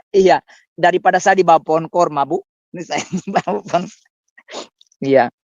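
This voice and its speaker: A man who is a pastor, talking in a scornful, preachy way on a talk show and jumping up in pitch to stress a point. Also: normal speed, a little mellow, no room sound. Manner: scornful, with sudden pitch jumps for emphasis. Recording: dull dry lo-fi recording.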